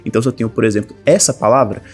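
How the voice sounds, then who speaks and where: A man with a Brazilian Portuguese accent teaching an online language lesson, talking to viewers directly in a lively way. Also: medium pitch, very fast, soft background music. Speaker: English teacher.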